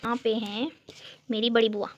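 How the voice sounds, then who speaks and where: Her highs cut off, a young vlogger from Uttarakhand, India talks at a moderate pace in a fairly high, flat voice. She chats and giggles at home while showing a photo album, recorded with her phone camera.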